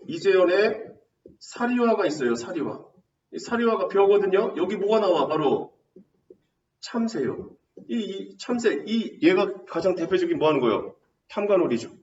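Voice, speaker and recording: Guy teacher lecturing for exams, keeps firing questions then answering, kinda high voice, echoey room, a bit far from the mic. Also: a little mellow, dull audio. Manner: quizzing students with rapid rhetorical questions. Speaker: Korean literature teacher. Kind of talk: exam-prep lecture.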